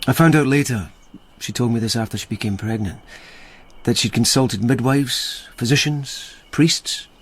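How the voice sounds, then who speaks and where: An actor playing a calm, concerned lieutenant investigating in old Japan, gently questioning and restrained, in a radio drama. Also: male voice, medium pitch, normal speed, lightly acted. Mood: regretful.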